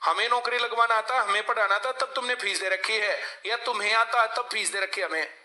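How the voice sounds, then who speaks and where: Bright-voiced man lecturing a class. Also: high voice, fairly quick. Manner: lecturing, asks class for replies. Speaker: coaching teacher.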